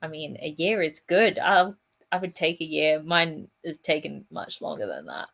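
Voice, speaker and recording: A woman's voice: low voice, lively intonation, normal speed, gravelly, fairly bright tone. A young woman co-hosting a writing stream, chatting casually and laughing often, with lots of "like". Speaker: co-host. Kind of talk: casual chat during writing sprint.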